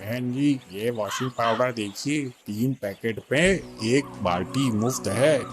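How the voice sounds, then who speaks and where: A woman's voice: rumbling low, a little slow, over music, voice pushed down. A woman voicing a male crow street seller, hawking his goods in a pushy salesy manner in a cartoon story.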